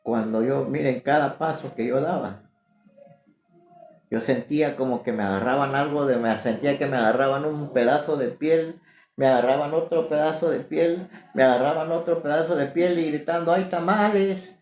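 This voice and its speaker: Fervent Guatemalan man preaching, gravelly voice. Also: medium pitch, steady tone, normal speed, a little mellow, roomy sound. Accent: Guatemalan Spanish. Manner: fervent, storytelling, building to impassioned pleading. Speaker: preacher giving a testimony. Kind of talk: testimony sermon to a congregation.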